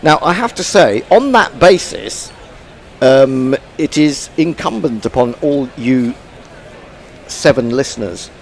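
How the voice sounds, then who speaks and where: A man's voice: a little high, lively intonation, slow pace. A man hosting a casual cricket commentary chat, rambling and self-mocking, tripping over long names. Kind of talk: casual pre-match chat.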